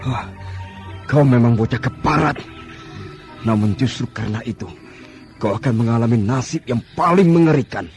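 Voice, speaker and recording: A man's voice: medium pitch, normal speed, pauses often, darkish tone, close to an everyday voice. A man playing an arrogant, threatening villain with occult powers in an old radio drama, sneering and theatrical. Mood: menacing, mocking. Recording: music under radio drama.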